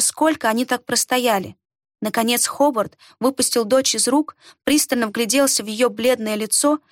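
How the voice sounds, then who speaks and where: A woman narrating a fantasy audiobook in a steady, expressive reading. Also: fairly high pitch, dry recording, studio quality.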